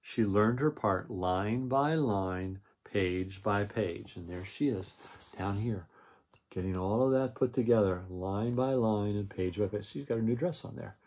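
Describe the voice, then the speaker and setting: A man's voice: on the low side, measured pace, a little mellow. An older man with a grandpa voice, reading a children's picture book aloud and adding explanatory asides. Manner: grandpa voice, explains and repeats story points.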